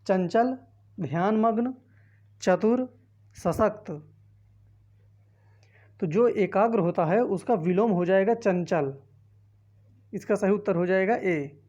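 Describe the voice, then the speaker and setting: A woman's voice: mid-range voice, slow, pauses often, warm tone, lo-fi sound. A woman teacher reading multiple-choice options aloud one by one and explaining each answer, with a north Indian Hindi accent. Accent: Hindi-speaking north Indian. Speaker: exam-prep teacher. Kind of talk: quiz walkthrough lesson.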